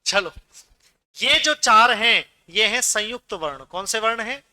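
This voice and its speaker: A man's voice: high-pitched, animated, unhurried, sharp tone, no echo, studio quality. A man teaching pronunciation in class, drilling sounds aloud and asking students to repeat. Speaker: Hindi teacher.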